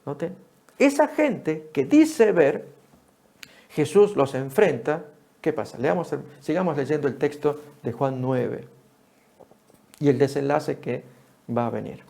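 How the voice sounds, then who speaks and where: Gravelly, animated male preacher. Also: a little high, slow, long pauses. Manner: animated, rises sharply for quoted speech, addresses listeners as friends. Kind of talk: Bible study sermon.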